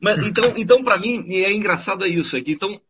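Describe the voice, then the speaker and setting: Middle-aged man, Brazilian Portuguese accent, restarts a lot, fairly high voice, dull recording. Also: very fast, a little hiss or hum. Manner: rambling, animated storytelling with many restarts. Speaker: comics critic and writer. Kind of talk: casual podcast conversation.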